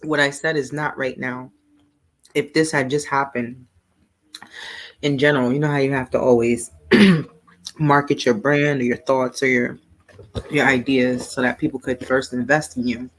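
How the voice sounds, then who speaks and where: A woman's voice: rumbling low, fairly even intonation, unhurried, pauses often. Persistent questioning woman podcast host. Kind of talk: casual discussion.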